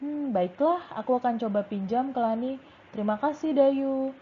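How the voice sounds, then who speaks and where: A woman's voice: sits high, moderate pace, slightly rough, pitched above the performer's own voice. A woman voicing a polite schoolboy who asks a classmate to borrow a ruler, in a lilting read-aloud way. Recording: tinny phone-like sound.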